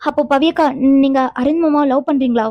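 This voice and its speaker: A woman's voice: high-pitched, moderate pace, no echo, highs cut off, lightly acted. A woman voicing a caring young woman in a cartoon who reassures and questions the older sister figure. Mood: reassuring. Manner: reassuring, curious, lively. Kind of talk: animated cartoon dialogue.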